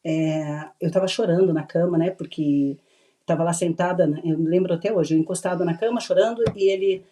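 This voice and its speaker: A woman telling a lively personal story in a mellow voice. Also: fairly low pitch, brisk. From Brazil. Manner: animated, acts out remembered dialogue, laughs often. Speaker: podcast guest. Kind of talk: casual interview storytelling.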